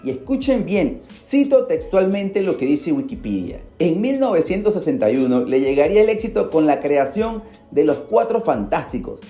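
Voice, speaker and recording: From Peru, a man hosts a podcast as a theatrical storyteller, speaking directly to the listener and swinging his pitch for emphasis. He uses a studio microphone in an echoey studio, with soft music underneath.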